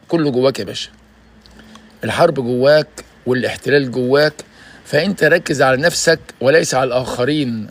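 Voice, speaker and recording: A man in his sixties with an Egyptian Arabic accent gives emphatic, preachy motivational advice in a casual vlog, often saying "ya basha". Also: medium pitch. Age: 60s. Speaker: vlogger giving life advice.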